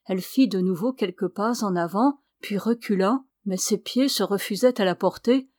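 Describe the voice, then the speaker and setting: A woman reads a novel aloud in a measured, even way, with a mid-pitched voice. Her sound is close and dry, with no room around it. It sounds like a careful audiobook narration. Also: no echo. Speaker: audiobook reader.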